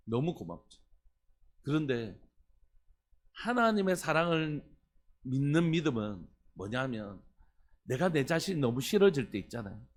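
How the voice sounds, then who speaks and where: Lively-voiced man preaching a sermon. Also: medium pitch, unhurried, long pauses. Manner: earnest preaching, asks the congregation questions. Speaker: pastor.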